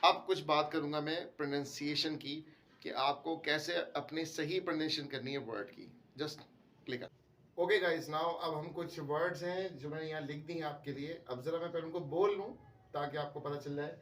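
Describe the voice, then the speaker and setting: A man teaching English pronunciation, speaking slowly and deliberately and repeating each word for emphasis. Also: fairly high pitch, a bit bright, distant mic. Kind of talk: spoken language lesson. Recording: echoey room, voice from off-mic.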